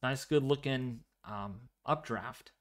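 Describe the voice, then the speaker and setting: Slowly and calmly, a man hosting a live severe weather stream talks with his audience and comments on the weather. His mid-range voice is quiet but clear, with a fairly monotone quality.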